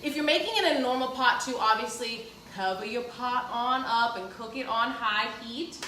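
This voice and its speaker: A woman's voice: fairly high pitch, normal speed, sharp tone, reverberant, a little hiss or hum. A woman hosting a live cooking class from her home kitchen, chatty and exuberant, calling her viewers y'all. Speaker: cooking show host.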